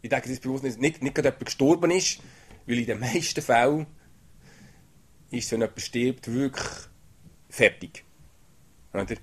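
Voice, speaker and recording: A man preaching a sermon in an animated way, often checking in with "oder?". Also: medium pitch, moderate pace, pauses often, breathy edge.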